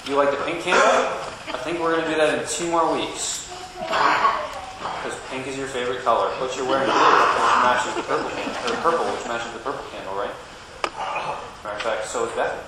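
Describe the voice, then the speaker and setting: A man's voice: medium pitch, normal speed, distant mic. Man leading a children's sermon in an echoey church. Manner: gentle, coaxing, playful with children. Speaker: pastor. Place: church sanctuary. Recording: very echoey church with background noise.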